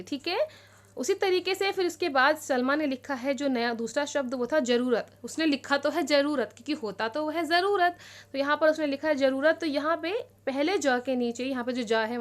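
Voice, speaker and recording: A woman teacher calmly working through a worksheet lesson for young children, explaining each step patiently and checking in often. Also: high-pitched. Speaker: primary school teacher.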